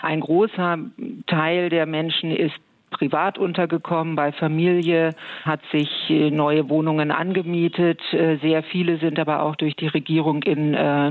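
A woman speaks as an interviewed expert, her delivery measured and calm, pausing often to find words. Her intonation stays quite even and level. She comes through a narrow, tinny phone line. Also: sits low. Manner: measured, calm, frequent hesitations. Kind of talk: remote interview answers.

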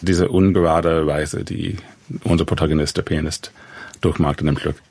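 Deep gravelly man. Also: fairly even intonation, darkish tone, dry recording. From USA. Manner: thoughtful, halting, with many restarts and fillers. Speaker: composer. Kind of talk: interview conversation.

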